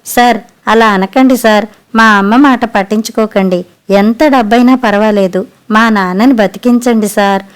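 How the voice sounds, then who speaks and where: A woman's voice: a little high, moderate pace, smooth, natural voice. A woman voicing a devoted adult daughter in a storybook reading, speaking earnestly and reproachfully. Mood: pleading.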